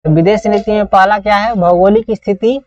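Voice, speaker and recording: A political science teacher with a Bihari accent runs an exam-prep lesson, reading model answers didactically and repeating phrases. Her voice is medium-pitched and darkish, with fairly even intonation and a fairly quick pace. She's recorded from a distance, with roomy echo and a dull lo-fi sound.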